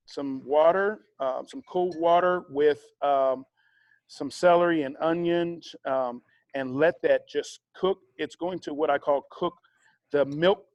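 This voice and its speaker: Male cooking instructor, higher-than-average voice, relaxed conversational demo style. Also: dry recording, lo-fi sound. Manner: chatty, relaxed, with fillers and asides. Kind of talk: casual cooking demonstration.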